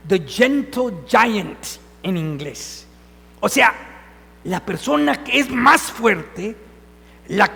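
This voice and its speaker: A man's voice: extremely high pitch, creaky, fairly bright tone. A man giving a Sunday homily as a priest, earnest and putting questions directly to the congregation. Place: church. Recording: long church reverb.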